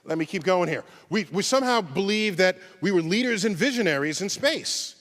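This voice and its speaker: Animated man lecturing in a hall. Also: high-pitched, a little fast. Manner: animated, swinging from loud exclaims to hushed musing. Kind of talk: public science lecture. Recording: long hall reverb.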